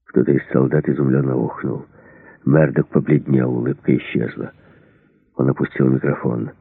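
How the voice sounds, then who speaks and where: A man reading an action novel aloud, steady and dramatic. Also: a bass voice, normal speed, gravelly, breathy edge, no echo. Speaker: audiobook narrator. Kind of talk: scripted narration of an action novel. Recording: dry, tinny phone-like sound.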